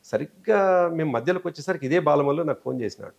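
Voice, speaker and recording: A man's voice: fairly high pitch, fast, vocal fry, lo-fi sound. A man with a Telangana Telugu accent, an interview guest telling a long story and acting out quoted speech.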